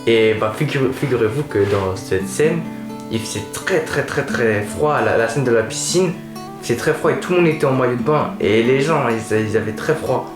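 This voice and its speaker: A man playing a gushing twenty-year-old film fanatic in a mock video portrait, talking in a halting, repetitive, naively enthusiastic way. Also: mid-range voice, lightly acted. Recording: echoey room with guitar music.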